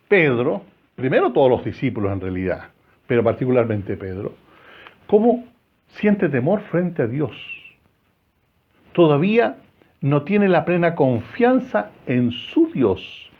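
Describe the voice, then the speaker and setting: A man's voice: on the high side, phone-quality sound. A male priest with a Chilean accent preaching a homily in a chapel, talking conversationally and asking the congregation questions. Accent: Chilean Spanish.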